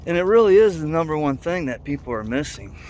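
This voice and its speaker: A man's voice: fairly high pitch, sing-song, fast, darkish tone, poor audio. Man chatting outdoors on a walk. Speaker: dog trainer vlogger. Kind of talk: casual talk to camera while walking. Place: outdoors, walking in a neighborhood. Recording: outdoor ambient street noise.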